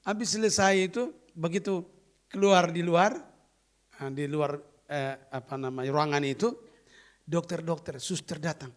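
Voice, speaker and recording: A man's voice: fairly high pitch, normal speed. A man preaching a sermon as pastor, telling a healing testimony with emphatic, repeated key phrases. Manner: acts out quoted voices in lively retelling.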